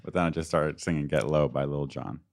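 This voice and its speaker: A man with a remarkably low, deep voice talks in an unhurried, informal way. He is getting over an illness and explains technical things casually, as a podcast co-host would. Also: fairly even intonation, vocal fry, a little mellow. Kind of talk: casual tech chat.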